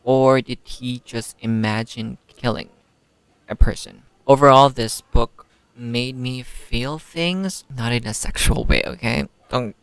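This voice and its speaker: A young man giving a casual, excitable spoken book review, full of slang and rhetorical questions. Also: mid-range voice, slow pace, gravelly, clean tone. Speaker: book vlogger.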